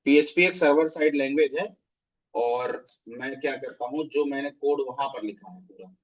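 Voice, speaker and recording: A man's voice: medium pitch, moderate pace, highs cut off. A man teaching web development in a live online class, walking through code step by step and checking in with his students. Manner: explains step by step, often checks with "theek hai". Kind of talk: live online coding lecture.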